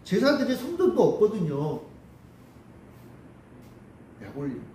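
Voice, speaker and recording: Korean pastor preaching, kinda high voice, repeats stuff, roomy church sound from far off. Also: male voice, huge pitch swings, measured pace, darkish tone, slight background noise. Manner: rhetorical questions, repeats key phrases. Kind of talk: sermon. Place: church sanctuary.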